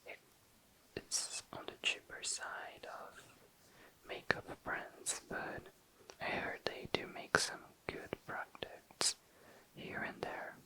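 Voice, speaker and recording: Slow and softly lingering, an ASMR creator's unvoiced, breathy whisper comes from right by the microphone, like a calm show-and-tell. The audio is poor.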